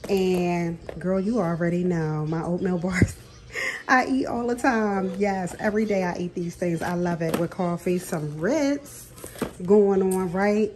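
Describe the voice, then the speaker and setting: A middle-aged vlogger with a lowish voice chats casually at a measured pace to her viewers while filming her groceries in her home kitchen. She calls them "girl" and laughs often, with a phone camera filming her hands over a counter amid a noisy background.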